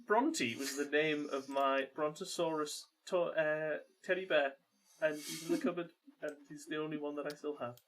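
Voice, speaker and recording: Brief: tipsy man, slightly higher voice, sweary and self-mocking, podcast banter. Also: moderate pace, fairly bright tone. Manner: sweary, self-deprecating jokes. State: tipsy from gin. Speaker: podcast co-host. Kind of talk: casual comedic chat.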